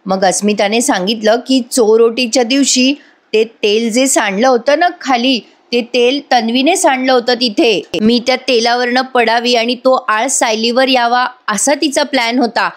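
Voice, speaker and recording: Woman, serial reviewer, chatty voice-over, talks to viewers, slightly high voice. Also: fairly even intonation, moderate pace. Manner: conversational, addresses viewers directly. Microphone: voice-over microphone.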